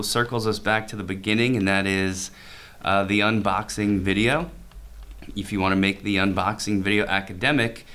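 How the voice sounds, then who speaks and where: A man's voice: deep voice, sharp tone, clear, resonant tone. A man co-hosting an education podcast in casual chat, rambling and restarting as he explains ideas. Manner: rambling, self-correcting, laughs easily. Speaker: podcast co-host, teacher.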